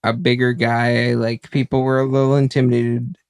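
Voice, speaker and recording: A young man, a podcast co-host, chatting casually and stammering through halting restarts. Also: mid-range voice, little pitch movement, smooth. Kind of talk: casual chat.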